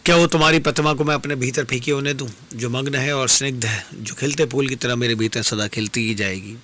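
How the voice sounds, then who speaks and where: A serene wandering stranger, played by a male storyteller speaks in measured, philosophical and consoling tones at a mid pitch. It is a formal dastangoi performance recorded in a radio studio. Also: fairly even intonation, pushed and bright, a little hiss or hum, natural voice.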